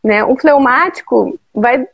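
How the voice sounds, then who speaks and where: A woman's voice: sits high, expressive, takes it slowly, gravelly, breathy edge, dry recording. Brazilian woman guest on muffled dry call audio. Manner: explanatory, with frequent "né?". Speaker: guest on a live talk. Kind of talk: casual live chat.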